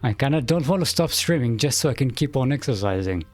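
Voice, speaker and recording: A man's voice: medium pitch, expressive, fast, soft background music. A man hosting his live stream in a casual, rambling chat, a little out of breath and laughing often. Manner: laughing, rambling, self-interrupting. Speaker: streamer host.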